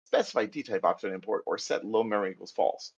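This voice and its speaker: A middle-aged American man, a programming instructor, gives a chatty live coding lecture, thinking aloud as he types and poking fun at himself. His voice is fairly low, creaky and husky, with lively intonation and a fast pace. The recording sounds muffled.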